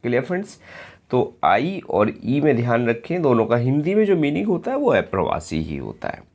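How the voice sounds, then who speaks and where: A man's voice: mid-range voice, wildly swooping pitch, a little mellow. A man with an Indian accent teaching an exam-prep English lesson, patiently spelling out words letter by letter and checking that his students follow along. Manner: slow and patient, often checks in with "clear friends?".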